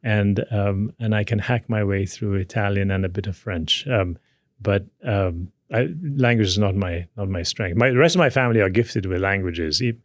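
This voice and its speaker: Man around sixty, Maltese accent, lower-pitched voice, podcast guest, conversational storytelling, close dry sound. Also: moderate pace, no room sound. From Malta. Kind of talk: conversational interview, personal storytelling.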